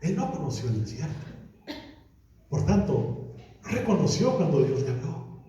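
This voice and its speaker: Male pastor, high lively voice, mellow tone, emphatic sermon cadence, heard from afar in a very echoey church hall. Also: unhurried, far from the mic, highs cut off. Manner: preaching with rising emphatic repetitions.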